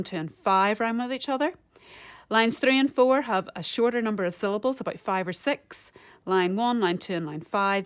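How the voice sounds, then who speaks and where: Woman teaching limericks, slow and careful. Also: medium pitch, smooth. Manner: slow, careful counting and sounding out rhythm. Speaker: primary school teacher. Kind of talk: recorded home-learning lesson.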